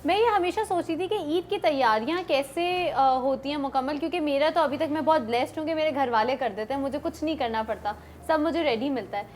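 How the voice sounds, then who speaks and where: Woman co-host, high voice, chatty, playful questions. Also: a little fast, hardly any pauses, darkish tone, slight background noise. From Pakistan. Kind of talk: casual chat.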